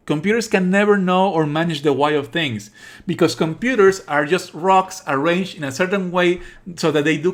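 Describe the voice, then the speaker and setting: A high-voiced man livestreams casual game commentary. His takes are opinionated and sneering, and he curses while explaining in a halting manner, repeating phrases along the way.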